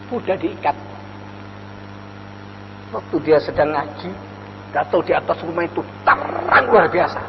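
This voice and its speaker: Older preacher, reverberant hall. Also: male voice, on the high side. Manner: storytelling, acts out quoted voices. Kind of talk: dawn sermon. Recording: lo-fi recording in a reverberant hall with faint noise.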